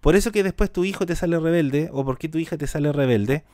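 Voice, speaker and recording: A man's voice: fairly high pitch, fast, mellow, dry recording, studio quality. A man teaching mysticism in a spiritual talk, repeating words for emphasis and asking rhetorical questions.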